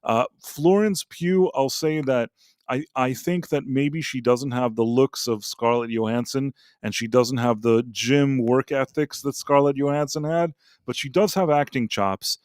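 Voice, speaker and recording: A man in a casual pop culture chat, talking bluntly and rambling through his opinions with lots of restarts. His voice sits at an ordinary middle pitch. It is recorded close and dry, with no room sound. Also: measured pace, darkish tone, no room sound. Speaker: podcast co-host.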